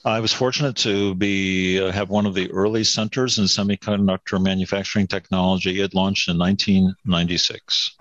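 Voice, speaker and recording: A middle-aged man introduces himself on a webinar in a polite, formal tone. His voice is very deep. The audio is dry and muffled, with no room sound. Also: steady tone, a little fast, few pauses, a bit bright, no room sound. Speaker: project co-host.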